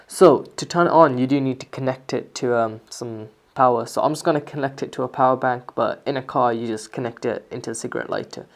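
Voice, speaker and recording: In a mid-range, darkish voice, a person walks through a product review casually, explaining each feature in turn. The informal narration still sounds somewhat scripted.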